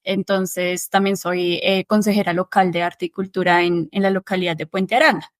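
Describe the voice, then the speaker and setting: A woman from Bogotá with a Bogotá Spanish accent, a teacher giving her testimony in an interview, telling it in a lively way and quoting the dialogue quickly. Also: fairly low pitch, no room sound, studio quality. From Bogotá, Colombia. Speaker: interview guest, early-childhood teacher. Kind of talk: conversational testimony.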